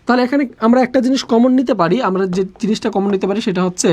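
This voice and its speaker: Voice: medium pitch, racing, a little mellow. A teacher leading a live online grammar class, repeating each question and then answering it. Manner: drills by asking a question, then answering it, many times over.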